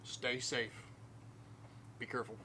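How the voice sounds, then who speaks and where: A man's voice: mid-range voice, level tone, unhurried, bright, forceful tone. Middle-aged Southern US man, folksy snack-review host, mid-range voice, munching as he chats, some noise behind. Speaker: host of a family snack taste-test video. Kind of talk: casual chat while tasting snacks. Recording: noticeable background noise.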